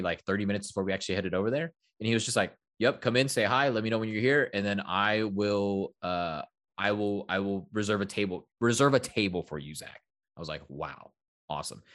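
A man's voice: lowish voice, a bit bright. A young man co-hosting a podcast, telling a story in casual chat, rambling and repeating words as he goes. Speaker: podcast co-host.

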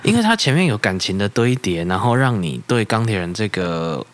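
Low-voiced Taiwanese man chatting haltingly. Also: big pitch swings. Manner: halting, repeats words while explaining. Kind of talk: casual chat.

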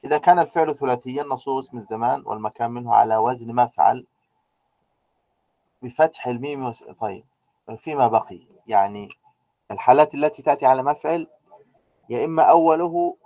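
Man, grammar lecture, warm dark voice, rhetorical questions, fillers. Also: mid-range voice, fairly quick, pauses often, no echo. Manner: explains step by step, with many "aah" fillers and rhetorical questions. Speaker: teacher.

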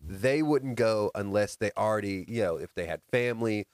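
A man's voice: lowish voice, normal speed, no echo, studio quality. A man from the United States in casual chat who laughs often while telling stories and quoting people.

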